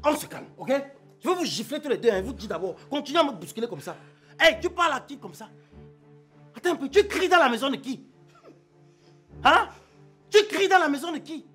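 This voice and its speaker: A man's voice: very high voice, very animated, brisk, pauses often, bright, forceful tone, faint music behind, exaggerated voice. A man with a Cameroonian French accent playing a stern husband who scolds and commands in a family quarrel. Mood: scolding. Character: stern middle-aged husband, head of the house. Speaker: husband defending his wife.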